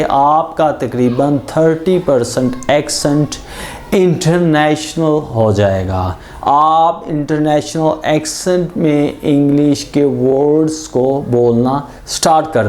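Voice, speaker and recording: Slow-paced teacher, dark mellow tone, stretched-out example words, pronunciation lesson. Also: medium pitch. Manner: drawn-out example words, explained in Hindi-Urdu.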